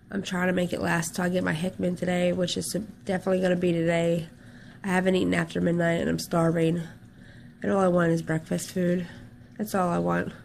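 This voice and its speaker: Woman, stuffed up and winded, low gravelly voice, tired rambling hospital update. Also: darkish tone, slight background noise. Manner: rambling, tired, matter-of-fact. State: stuffed up, congested nose; short of breath, on oxygen. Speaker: patient giving a video update. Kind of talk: casual video diary. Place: hospital room.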